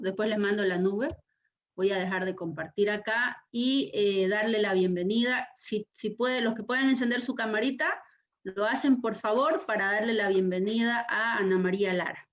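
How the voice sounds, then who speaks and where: A woman lecturer hosting an online class, speaking expressively and slowing down to stress her words. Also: on the high side. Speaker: university lecturer and session host. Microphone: video call microphone. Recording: dull lo-fi video call audio.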